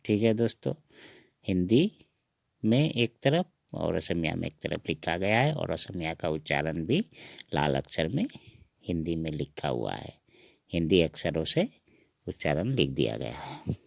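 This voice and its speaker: Male teacher, very deep gravelly voice, dry close sound, patient step-by-step drilling. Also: sing-song, a little mellow, dry recording. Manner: slow, repeats each sound several times. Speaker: language teacher. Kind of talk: recorded alphabet lesson.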